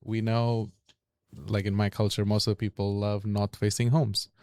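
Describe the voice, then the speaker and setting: Man with Fiji Indian accent, Fiji Hindi native speaker. Lower-pitched, crisp delivery for conversational panel talk. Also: flat delivery, normal speed, a little mellow, no echo. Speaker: real estate agent and lender on a panel.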